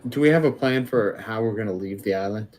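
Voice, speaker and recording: A man's voice: on the low side, fast talker, a little mellow. A man playing a tabletop game, thinking aloud as he works out a plan with the group. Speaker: player.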